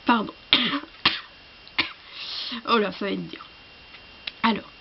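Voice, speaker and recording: Coughing woman with a cold, slow talk. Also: mid-range voice, vocal fry, highs cut off, slight background noise. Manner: halting and apologetic. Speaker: book vlogger. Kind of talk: casual chat to camera.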